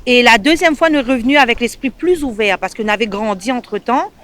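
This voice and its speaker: A woman from Réunion with a Réunionnais French accent, speaking as an interviewee and mother, animated and emphatic, often checking in with the listener. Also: on the high side, brisk. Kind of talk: casual interview.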